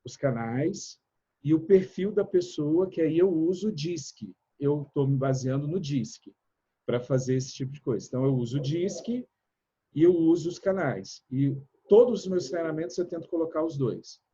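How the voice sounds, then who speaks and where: A man giving a live online chat talk about communication and speaking to audiences, energetic and shifting between fast and slow, loud and soft. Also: on the high side, breathy edge, dull audio. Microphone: video call.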